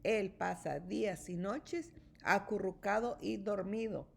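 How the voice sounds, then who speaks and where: Woman reading a rhyming kids book, slow and singsongy, bit of vocal fry. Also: medium pitch. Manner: expressive, rhythmic rhyming delivery. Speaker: storybook reader. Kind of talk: children's picture book read-aloud.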